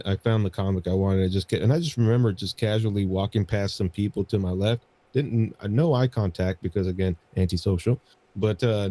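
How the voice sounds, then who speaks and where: A podcast co-host with a warm, lowish voice tells anecdotes in a casual, rambling style, often repeating phrases. There's no echo in the recording.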